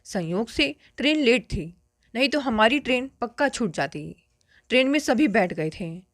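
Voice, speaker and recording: A woman narrates a family story in the first person, steady and earnest. Her voice sits a little high, and the recording is close and dry, with no room sound. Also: normal speed, no echo.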